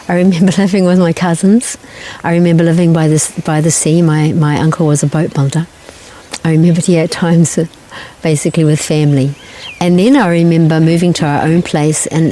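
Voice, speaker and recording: An older woman who grew up in New Zealand, answering interview questions in a gentle, thoughtful way with pauses and restarts. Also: deep voice, a little hiss or hum, poor audio. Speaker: guest, singer-songwriter.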